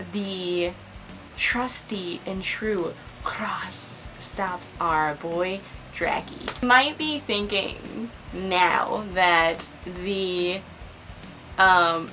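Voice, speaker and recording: Chatty young woman with a bright voice. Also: medium pitch, poor audio. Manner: chatty, lots of "like" fillers; enthusiastic. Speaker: movie reviewer. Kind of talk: casual movie review.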